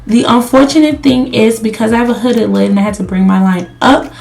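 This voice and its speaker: Fairly high and gravelly with a darkish tone, this woman's voice moves a little fast with fairly even intonation. Working through a makeup tutorial as a beauty vlogger, she chats casually and directly to viewers, sounding slightly crackly as sickness takes her voice.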